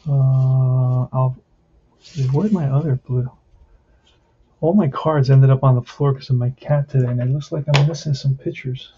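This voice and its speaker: A man's voice: medium pitch, steady tone, a little slow, warm tone, husky. A man giving casual play-by-play of a tabletop baseball game, thinking aloud as he plays. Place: indoors at a tabletop. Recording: muffled lo-fi, faint noise with clicks.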